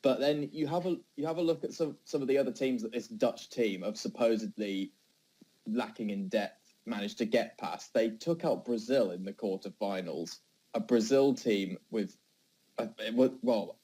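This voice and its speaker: A young man talks football in a loose, unscripted debate. His voice sits low and mellow. He thinks aloud as he goes, with halting fillers and restarts. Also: slightly rough, poor audio. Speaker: podcast debater.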